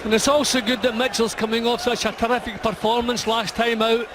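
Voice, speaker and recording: A man's voice: extremely high pitch, little pitch movement, brisk. A man giving analytical live boxing commentary in a raised, projected voice. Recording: live arena broadcast, very loud crowd noise.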